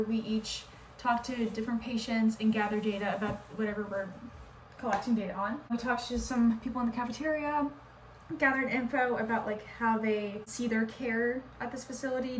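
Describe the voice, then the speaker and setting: A woman's voice: on the high side, slight background noise, rough recording. A twenty-year-old woman chatting casually in a vlog about her days as a nursing student, full of filler words. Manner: chatty, lots of filler likes. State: scratchy sore throat.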